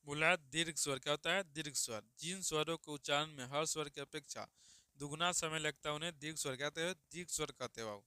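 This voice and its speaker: A man's voice: a little high, fast talker, pushed and bright, smooth, no echo, studio quality. A man teaching grammar online, repeating each question and answer and calling students "babu.". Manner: calls listeners "babu" affectionately. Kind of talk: online exam-prep lesson.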